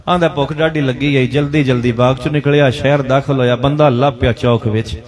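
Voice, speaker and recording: A man's voice: mid-range voice, fairly even intonation. A man with a Punjabi accent reciting a Shia majlis sermon, telling a story in mixed Urdu and Punjabi and calling out to the crowd. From Pakistan. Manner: mixes Urdu and Punjabi, dramatic storytelling with chanted calls to the crowd.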